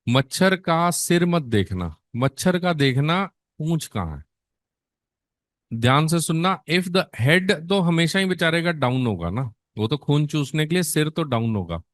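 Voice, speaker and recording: A man with an Indian accent gives an exam-prep lecture, switching between Hindi and English and firing rhetorical questions at his students. His voice sits a little high for a man, and he stretches key terms out slowly to stress them. The sound is dry and close, with no room around it. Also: big pitch swings, dry recording. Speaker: nursing exam teacher.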